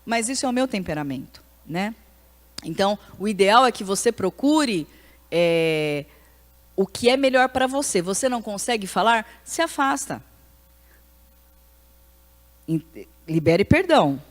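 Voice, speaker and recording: A woman's voice: mid-range voice, sing-song, measured pace, pauses often. A Brazilian woman pastor with a mid-range voice gives an informal church lesson on a handheld mic. She talks frankly and conversationally, restarting sentences and checking in with the room. Her voice carries the long reverb of a church hall. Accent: Brazilian Portuguese. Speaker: pastor teaching a ministry class. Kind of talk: informal church teaching with audience questions. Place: church hall with a live audience. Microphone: handheld microphone.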